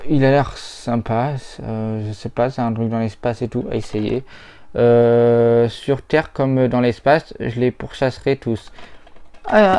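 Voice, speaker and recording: A man talking casually about old console games as he tests them, rambling and hesitant, often pausing on little filler words. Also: medium pitch, gravelly, warm tone, slight background noise. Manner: rambling, hesitant, full of "voilà" and "hop". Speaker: retro gaming YouTuber. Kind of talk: casual chat while testing games.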